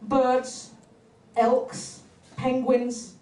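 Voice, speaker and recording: A woman's voice: sits high, flat delivery, extremely slow, heavy background noise. A young woman performing stand-up comedy, telling stories animatedly, acting out voices and laughing often. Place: comedy stage. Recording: roomy venue sound from a distance.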